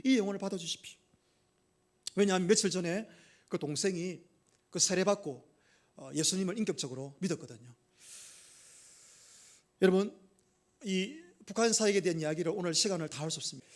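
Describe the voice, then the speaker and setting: A middle-aged man preaches a sermon in a church sanctuary, his voice sitting high for a man. He tells his story in waves, punching some phrases out loudly and letting others fall to a near murmur. He keeps turning to the congregation with questions. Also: a little fast, pauses often. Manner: swings between loud emphatic bursts and quiet dropped phrases. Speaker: pastor.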